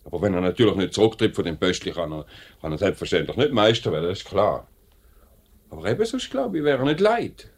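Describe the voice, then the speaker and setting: In a 1950s radio drama, a male actor voices a confident, plain-spoken company director with a Swiss German accent, brisk and authoritative. His low voice is very animated, slightly rough and exaggerated, and his mood is persuasive.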